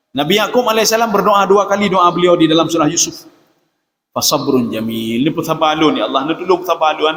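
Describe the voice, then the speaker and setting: High-voiced preacher in an echoey hall. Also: male voice, fairly bright tone. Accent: Acehnese-tinged Indonesian. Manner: addresses listeners as "Pak", recites Arabic prayers in slow chant. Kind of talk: religious lecture.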